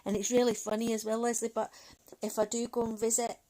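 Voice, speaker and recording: In a slightly high, mellow voice, a woman in her thirties from Manchester, England talks fast and in a level tone as she colours on her livestream. Her Mancunian English has a Scottish lilt, and her chat rambles along with plenty of fillers. The recording sounds rough.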